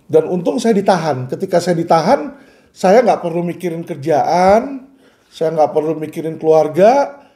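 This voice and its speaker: Emphatic high-voiced man. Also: lively intonation, normal speed, warm tone. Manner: addresses viewers repeatedly, emphatic and earnest. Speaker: lawyer. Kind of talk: casual talk to viewers.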